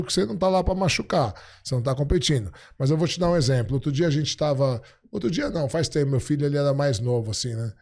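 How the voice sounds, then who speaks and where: A middle-aged man sits as a podcast guest and tells family stories in a relaxed way. His voice sits a little high but sounds soft and mellow. He acts out the lines of the people in his stories with lively shifts. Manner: animated, acts out quoted dialogue. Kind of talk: casual storytelling chat.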